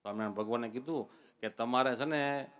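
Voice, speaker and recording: Quick-paced and clear, this man's medium-pitched voice has a slightly bright, resonant tone. Speaking to devotees at a religious gathering, he trades in folksy jokes and humorous folk stories, addressing them as devotees.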